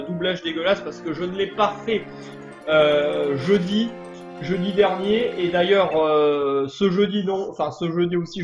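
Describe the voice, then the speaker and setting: A man's voice: sits high, echoey room, dull audio. A man streaming a video game live, chatting casually and greeting viewers in the chat. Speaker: let's play streamer.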